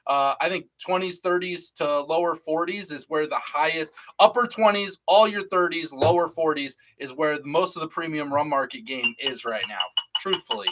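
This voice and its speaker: A man's voice: on the high side, moderate pace, hardly any pauses, a bit bright, a little hiss or hum, low-quality recording. A man co-hosting a live drinks show, teasing his partner and reading out viewer comments in casual banter. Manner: teasing, joking, reads viewer comments aloud. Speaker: co-host of a live rum show.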